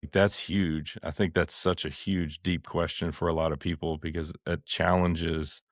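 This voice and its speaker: A man's voice: sits low, little pitch movement, normal speed, dry recording, clean studio sound. A man hosting a faith podcast conversation, reflective and asking probing questions. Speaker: podcast host.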